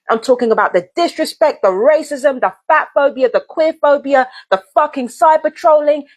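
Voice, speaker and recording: A woman vlogger delivering a heated, profane rant straight to her viewers, repeating herself and swearing often. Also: sits high. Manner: angry, profane, repetitive. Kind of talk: heated direct-to-camera rant.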